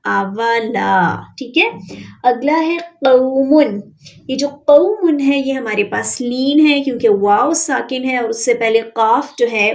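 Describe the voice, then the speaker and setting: A woman teaching an online Quran reading lesson, explaining each rule step by step and drawing out example words slowly. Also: fairly high pitch, a little mellow, muffled recording.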